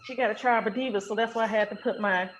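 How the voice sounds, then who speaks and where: The podcast host, an American woman, talks fast in a slightly high voice with fairly even intonation, keeping things unscripted, playful, emphatic and colloquial. Her audio is dull, clearly noisy and ringing, captured in a hotel with people passing behind her.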